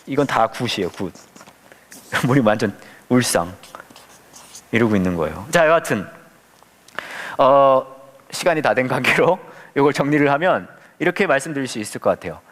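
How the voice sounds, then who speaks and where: A man's voice: mid-range voice, expressive, normal speed, long pauses, a bit bright, long reverb tail. A man who is a pastor, leading a casual Bible study, playful and full of questions for the audience. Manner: playful, asks the audience many questions, acts out quotes with humor.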